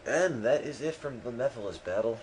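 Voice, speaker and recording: This charity stream host speaks at medium pitch with a darkish, expressive delivery and a brisk pace, and the poor audio carries a little hiss or hum. Playing along to game music, he keeps up sarcastic, self-mocking, deadpan let's-play commentary.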